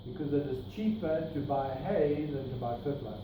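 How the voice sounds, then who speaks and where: In a meeting room with a projector screen, a middle-aged South African-accented man explains slides to a workshop group and points out details. He speaks a little fast at a medium pitch, recorded by a far-off camera with no mic, so the sound is distant, echoey, and noisy.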